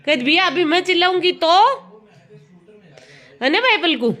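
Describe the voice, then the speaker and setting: A woman's voice: very high-pitched, expressive, unhurried, pushed and bright. A young woman vlogging at home in casual chat, talking to and coaxing small children. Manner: chatty, scolding and coaxing children. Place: home indoors.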